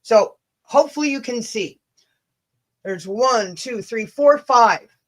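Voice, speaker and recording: Here a Canadian livestream host talks in a fairly high, animated voice at a slow pace. Sweary and sarcastic, she drags out words for emphasis as her loose, rambling chat wanders through mocking asides.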